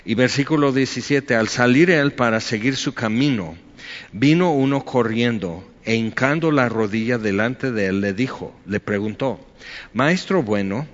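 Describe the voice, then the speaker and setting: A man preaching a conversational sermon as pastor, joking and acting out quotes in a higher voice. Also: measured pace. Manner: chatty, jokey, acts out quotes in a higher voice. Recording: dull sound with long reverb in a hall.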